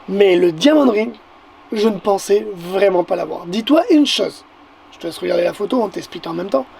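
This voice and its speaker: A man with a Québécois accent, a photographer talking casually to the viewer in an excitable vlog, often stammering and repeating words. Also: high-pitched, gravelly, a little hiss or hum. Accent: Québécois French. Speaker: photographer and vlogger.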